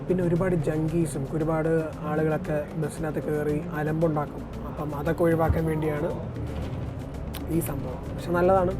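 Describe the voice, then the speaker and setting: A travel vlogger with a Malayalam accent chats casually to his viewers, mixing English words into his Malayalam as he narrates his trip. His voice is a little high, with fairly even intonation and normal speed, and music plays in the background. He is on a city bus and out on busy streets.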